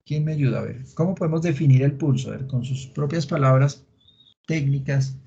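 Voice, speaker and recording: A man teaching a veterinary class in an online meeting, explaining step by step, quizzing students and filling pauses with "eh". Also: a little high, gravelly, dark tone, a little hiss or hum. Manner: explanatory, asks students questions, frequent fillers. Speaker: veterinary lecturer. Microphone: computer mic in a video call. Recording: dull lo-fi meeting recording.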